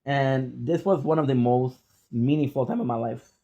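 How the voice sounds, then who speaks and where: A man with a French accent telling personal stories in a casual, rambling vlog style, often halting to repeat and correct himself. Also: mid-range voice, warm tone, highs cut off. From France or French-speaking region. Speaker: content creator.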